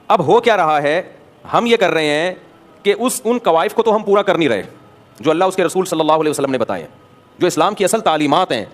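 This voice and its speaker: A man from Pakistan, a mufti, giving a conversational sermon full of anecdotes, acting out dialogues and asking rhetorical questions. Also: a little high. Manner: animated storyteller, acts out dialogues, rhetorical questions. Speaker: mufti, religious scholar.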